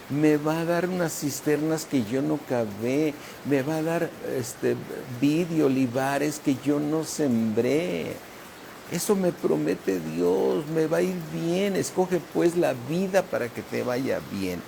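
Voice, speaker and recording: A man's voice: mid-range voice, creaky, dark tone, slight background noise. A man preaching a sermon as pastor, emphatic and often asking "¿sí?" of the congregation. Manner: slow, emphatic preaching with frequent "¿sí?" checks.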